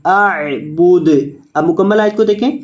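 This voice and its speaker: A male teacher guiding learners through a recitation lesson at a very unhurried pace. He rattles through the rules in plain speech, then stretches each chanted word out long and slow. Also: sits high, muffled recording. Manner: explains rules briskly, then draws out chanted words slowly. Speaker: Quran reading teacher.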